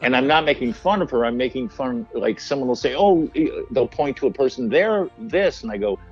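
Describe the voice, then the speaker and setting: A stand-up comedian retelling his own jokes in a casual, deadpan way. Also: medium pitch, fast, muffled recording, soft background music. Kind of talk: casual chat.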